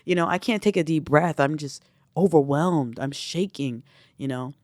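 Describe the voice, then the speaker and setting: A man, a spiritual teacher, telling a personal spiritual story in a reflective way, often filling pauses with "you know". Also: fairly high pitch, a little mellow, dry recording, clean studio sound.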